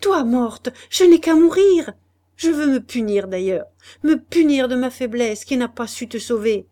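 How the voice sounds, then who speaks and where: A woman's voice: on the high side, animated, measured pace, dark tone, voice pushed up. A woman reading a frantic young husband. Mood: anguished. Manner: feverish, stammering pleas. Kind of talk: audiobook dialogue reading.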